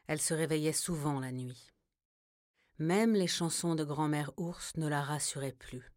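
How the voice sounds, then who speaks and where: A woman narrating a children's story in a calm, gentle way. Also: low-pitched, a little slow, dry recording, clean studio sound.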